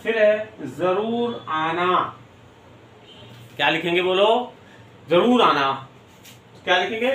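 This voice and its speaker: A high-voiced man teaches grammar at an unhurried pace, breaking sentences into single words and repeating them. He sounds set back from the mic in an echoey room. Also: fairly bright tone, distant mic. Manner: slow, repetitive, drills examples word by word. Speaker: English teacher. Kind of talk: classroom grammar lesson.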